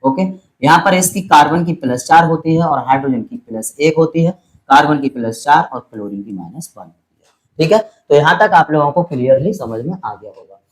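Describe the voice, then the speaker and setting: In poor audio, a man with a fairly high pitch walks through a chemistry lesson one step at a time. He's patient and repetitive, checking understanding and addressing students as "beta," and he slows down to spell out chemical formulas.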